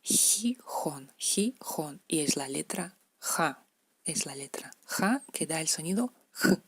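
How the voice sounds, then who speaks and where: A woman's voice: sits low, animated, a little slow, fairly bright tone, husky, no echo. A woman, teaching letter pronunciation to beginners and patiently repeating each example word. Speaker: language teacher.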